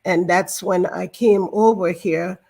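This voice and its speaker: Liberian-born woman, measured and explanatory. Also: fairly low pitch, steady tone, vocal fry, dark tone. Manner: measured, explanatory, with frequent fillers. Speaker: guest, banking director. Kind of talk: interview talk.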